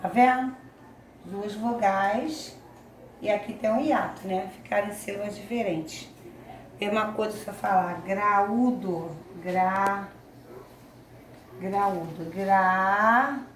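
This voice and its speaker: A woman teaching young children a Portuguese lesson with a Brazilian accent, speaking slowly and affectionately, often checking in with little tags. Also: medium pitch, echoey room, a little hiss or hum. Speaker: primary school teacher.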